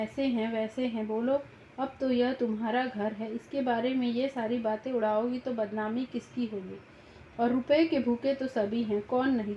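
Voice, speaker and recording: A woman's voice: a little high, a little hiss or hum, lightly acted. A woman voicing a chatty married sister-in-law in an audiobook, talking in a folksy, lecturing way. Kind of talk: audiobook reading. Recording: roomy, slightly dull home recording.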